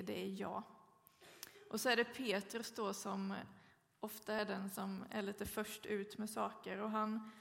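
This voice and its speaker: A woman delivers a sermon, moving from a relaxed anecdote to a steady scripture reading. Her voice has a slightly gravelly, fry-tinged texture. The sound hangs in a long, reverberant church hall. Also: medium pitch. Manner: conversational storytelling with occasional fillers. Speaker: preacher.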